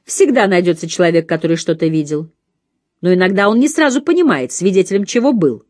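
A woman voicing a shrewd, calm elderly woman sleuth who speaks in a measured, thoughtful way, in an audiobook reading. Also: on the low side, no room sound, studio quality, lightly acted.

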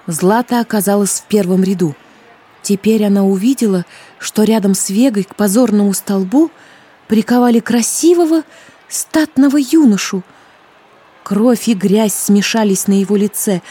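Mellow-voiced woman narrating a tale. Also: mid-range voice. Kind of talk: dramatic storybook narration.

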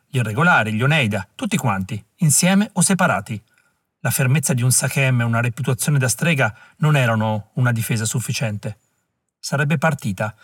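A male audiobook narrator reading with measured, dramatic pacing. His voice has a husky grain, recorded dry and close with no room sound. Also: medium pitch, no room sound. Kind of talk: scripted narration.

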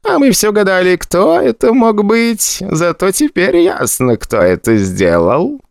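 A man's voice: sits high, sing-song, measured pace, gravelly, dry recording, clean studio sound, pitched above the performer's own voice, exaggerated voice. A man voicing a smug, amused elder fairy woman in an audiobook. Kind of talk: audiobook character voice.

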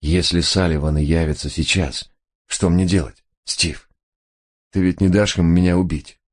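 A man's voice: sits low, steady tone, moderate pace. A man voicing a terrified, wounded male crook who wails and pleads frantically. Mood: fearful.

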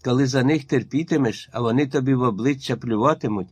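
A man's voice: medium pitch, quick pace, breathy edge, no room sound, lightly acted. Man voicing a harsh, iron-voiced old witch. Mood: stern. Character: stern old village witch woman, commanding.

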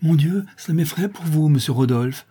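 A man's voice: a little high, moderate pace, dark tone, breathy edge, voice pushed up. Man putting on a frightened young woman. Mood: fearful.

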